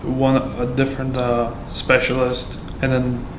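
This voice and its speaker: A man from Afghanistan gives candid testimony about his experience as a patient, speaking in a medium-pitched monotone with little rise or fall. He halts often, filling pauses and restarting sentences, in an echoey room with clear background noise.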